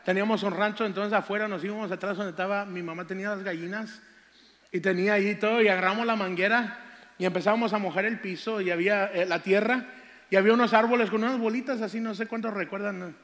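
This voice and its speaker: An older man preaches, stretching out scripture with fervor before drifting into folksy childhood stories. His voice sits high for a man. The church hall around him rings with long reverb. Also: steady tone, fairly bright tone. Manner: fervent, drawn-out scripture reading, folksy storytelling. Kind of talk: sermon testimony.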